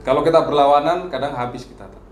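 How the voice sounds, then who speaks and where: Man, civil servant guest, calm and measured, mid pitch, echoey room, faint noise. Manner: calm, measured, laughs softly. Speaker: civil service official, guest. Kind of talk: casual interview answers.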